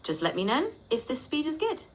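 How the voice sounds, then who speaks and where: A synthetic female voice acting as a patient English tutor, gently correcting and repeating sentences. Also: high voice, wildly swooping pitch, fairly quick, slightly rough, low-quality recording. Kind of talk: conversational language tutoring.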